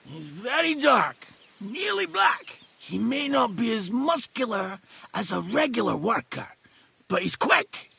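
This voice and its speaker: A man's voice: extremely high pitch, sing-song, unhurried, sharp tone, heavily acted. An actor playing an injured, blunt woodsman who is short of breath and barks orders in a video game. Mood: gruff. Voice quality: gravelly, raspy.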